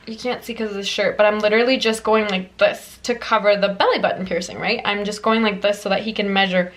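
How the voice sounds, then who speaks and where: A young woman from Venezuela telling a casual storytime to her viewers, chatty and animated, laughing often and filling her talk with "like.". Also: medium pitch, quick pace, rough recording. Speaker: vlogger.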